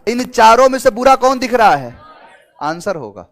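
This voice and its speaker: A man with a very high voice runs an online exam-prep class on English vocabulary at a moderate pace. His explanations blend Hindi and English terms, and he keeps things lively by asking students questions and offering everyday examples.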